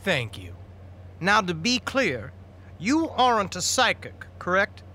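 A man's voice: high-pitched, big pitch swings, slow, pitched above the performer's own voice, heavily acted. A man doing a smug needling lawyer. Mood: mocking. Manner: loud, needling questions. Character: smug male courtroom lawyer, mocking.

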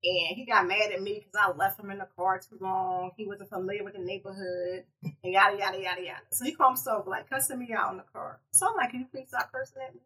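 Woman, podcast panelist, lively storyteller, bright tone, slightly off-mic. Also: mid-range voice, fast talker, distant mic. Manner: animated storytelling, acting out quotes. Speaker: podcast guest. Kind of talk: casual chat.

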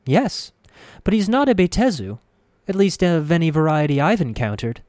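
A gentle, wise female healer speaking in a soft, formal and measured way, with a voice raised well above a deep speaking voice, as a male narrator puts her on. The sound is close and dry, with no room around it. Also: sing-song, no echo. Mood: wary curiosity. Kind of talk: audiobook character voice.

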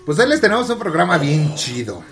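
A man's voice: a little high, sing-song, fairly quick, creaky, a bit bright, soft background music. A man co-hosting a casual podcast, joking and laughing often. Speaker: podcast co-host. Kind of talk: casual chat.

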